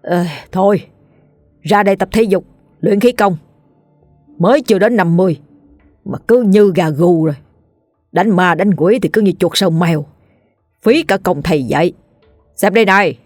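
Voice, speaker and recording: A gruff eldest ghost-hunter, put on by a woman narrator, nags and curses in a raised voice. He bosses his juniors around. The recording is dry, with faint music behind. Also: mid-range voice, moderate pace, pauses often, no room sound, natural voice. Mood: scolding. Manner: scolding, curses.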